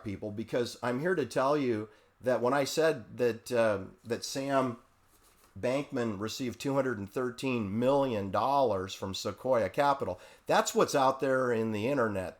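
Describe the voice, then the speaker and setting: A man delivering a rambling, emphatic monologue, repeating himself and dropping sarcastic asides. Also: mid-range voice. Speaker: commentator. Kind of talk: conspiracy-minded monologue.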